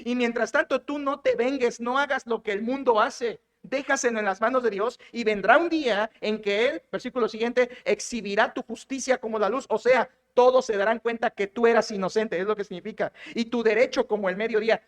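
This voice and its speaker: Mexican preacher with rhetorical questions. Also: male voice, very high-pitched, a little fast, few pauses. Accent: Mexican Spanish. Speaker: pastor. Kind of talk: sermon.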